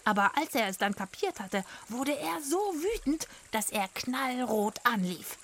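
A woman narrating a children's audio story in the first person with plucky, lively storytelling. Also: fairly high pitch, unhurried. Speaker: narrator and detective heroine.

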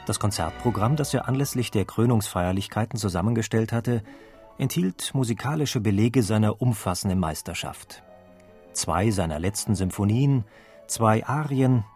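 Reading a scripted documentary narration, a man with a lowish voice tells the story in a measured, even way. Quiet classical music can be heard in the background.

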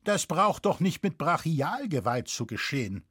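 A man's voice: fairly high pitch, sing-song, fairly bright tone, slightly rough, dry recording, clean studio sound, full character voice. A man reading as a formal, stern judge. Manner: formal, measured questioning. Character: stern, proper middle-aged male judge.

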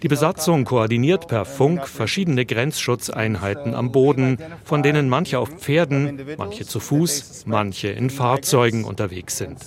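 Male news narrator, steady scripted read, mid pitch. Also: unhurried, few pauses, crowd noise. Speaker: reporter.

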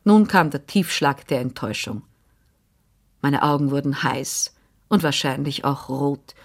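A woman reading a literary memoir aloud in a measured, expressive first-person narration. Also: very deep voice. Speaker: audiobook reader.

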